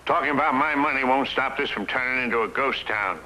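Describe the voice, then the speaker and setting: An actor playing a gruff, stingy rich boss of an Old West town, blunt and bossy in a western comedy. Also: male voice, medium pitch, fairly quick, bright, forceful tone, a little hiss or hum, rough recording. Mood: suspicious, gruff. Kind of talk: western screen comedy acting.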